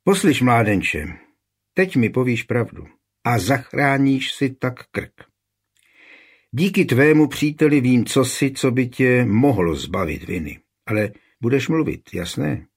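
A man voicing a cool, commanding high royal official questioning a suspect in a historical storybook reading. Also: lively intonation, slightly rough. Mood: stern, calm. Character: stern calm high royal official, middle-aged man.

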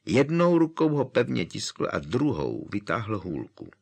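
A man narrating an audiobook with expressive, dramatic storytelling. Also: lowish voice, creaky.

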